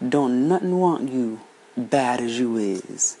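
A man voicing a stern old grandmother telling a tale, with a gruff, scolding drawl. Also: mid-range voice, takes it slowly, a little mellow, poor audio.

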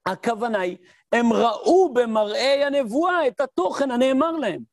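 A rabbi gives a Torah lesson in a voice that sits high for a man. He tells his stories with energy, mimics the sounds in them, and fires off his own questions before he answers them. The recording is close and dry, with no room sound. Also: no echo. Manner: lively storyteller who mimics sounds and voices. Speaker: rabbi teaching a class.

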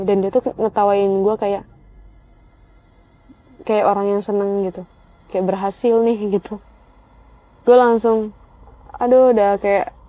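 A woman's voice: mid-range voice, mellow. A young woman telling a spooky personal story in a casual, chatty way, speaking straight to her viewers. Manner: chatty, conversational, addresses viewers directly. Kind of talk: casual spoken horror story.

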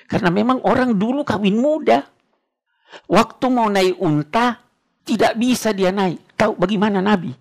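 A man's voice: high voice, slow pace, vocal fry, pauses often. A man preaching an Islamic lecture, retelling stories with rhetorical questions to his listeners. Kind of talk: religious lecture with storytelling.

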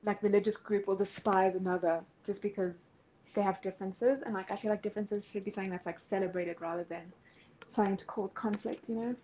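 A young woman, co-hosting a relaxed podcast chat, upbeat and quick to laugh, full of "like". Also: mid-range voice, a little hiss or hum, poor audio. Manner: giggly, upbeat, filler-heavy. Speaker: podcast co-host. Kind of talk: casual chat.

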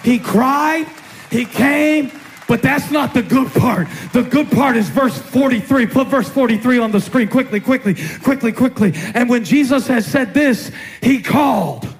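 A man preaching a sermon as a pastor, in a rhythmic style that stacks repeated phrases and climbs to shouts. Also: very high-pitched, a little slow, breathy edge.

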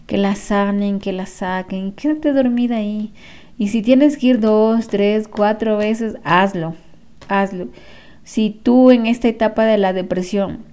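A woman's voice: medium pitch, a little mellow. A woman, a spiritual healing therapist, giving casual advice to viewers and repeating phrases for emphasis.

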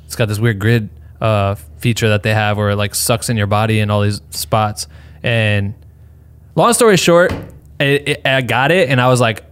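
Young man, podcast host, casual slang, rambling storyteller, lowish voice. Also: moderate pace, fairly bright tone, clear, resonant tone. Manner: slangy, rambling, laughs often. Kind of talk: casual podcast chat with ad read.

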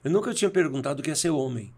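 A Brazilian man in his sixties, a podcast guest, tells personal stories in conversation, reflective in manner and acting out the dialogue he quotes. His voice is a little high, expressive, very fast, husky and darkish in tone.

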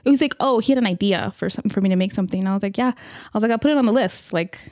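Mellow-voiced woman, dry close sound. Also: medium pitch, racing, no echo. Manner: storytelling, acts out her son's lines. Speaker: podcast co-host. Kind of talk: casual chat.

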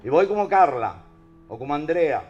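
A man with a Rioplatense accent preaches to listeners, peppering his talk with rhetorical questions. His voice sits a little high and leaps up and down with emphasis. Soft music plays faintly underneath. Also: normal speed, dull audio. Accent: Rioplatense Spanish. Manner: animated, rhetorical questions to the audience.

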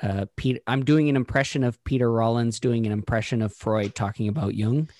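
A podcast co-host muses aloud in a casual conversational discussion, thoughtful and halting, with many restarts and fillers. His voice is medium in pitch with a darkish tone. The sound is very dry, with no room sound at all.

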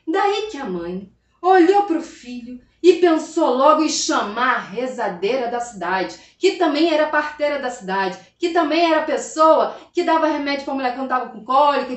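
A woman storyteller with a high voice tells a folk tale with dramatic swings, calling out to her listeners. The sound is roomy and echoing, with the mic set some way off. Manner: dramatic, addresses listeners often. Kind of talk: oral folk tale telling to an audience. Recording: roomy, from a distance.

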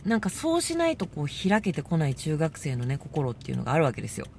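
A woman hosting a casual monologue, telling a story with lively delivery and acting out the voices she quotes. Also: low voice, fast, creaky, slight background noise. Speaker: podcast host.

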